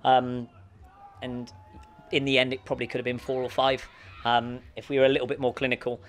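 A man's voice: mid-range voice, brisk. A man in his thirties, a football manager, giving a post-match interview outdoors in an empty stadium stand, talking steadily with many restarts and fillers into a handheld mic. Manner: steady, flat delivery with frequent restarts and fillers. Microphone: handheld mic with windshield held close.

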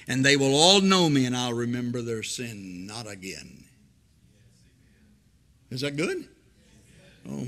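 Older pastor preaching with dramatic swings. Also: male voice. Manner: dramatic swings between loud emphasis and quiet low asides. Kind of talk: sermon. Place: church sanctuary, at a pulpit. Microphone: pulpit microphone.

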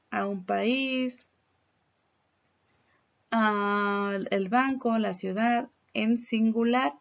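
A woman's voice: fairly high pitch, gravelly, muffled recording. A woman from Mexico with a Mexican accent, teaching English in a recorded lesson, explaining patiently in Spanish and modeling English words for her students to repeat. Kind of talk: recorded classroom lesson on slides.

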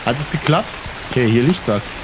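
A man's voice: medium pitch, lively intonation, fairly quick, background noise. A man in his thirties giving casual let's play commentary as a horror game streamer, muttering to himself and reacting uneasily, spooked by the game.

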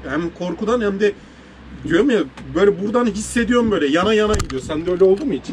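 A man's voice: sits high, animated, rapid-fire, a crowd in the background. A man chatting casually with a friend, animatedly recounting a story. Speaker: friend of the host. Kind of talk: casual chat, telling a story. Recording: noisy outdoor background.

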